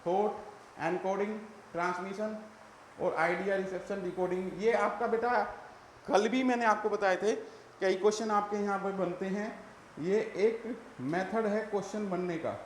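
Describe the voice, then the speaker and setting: A man's voice: sits high, fairly even intonation, unhurried, reverberant, slight background noise. A male teacher giving an exam-prep lecture, calling his students "beta" and repeating the key terms.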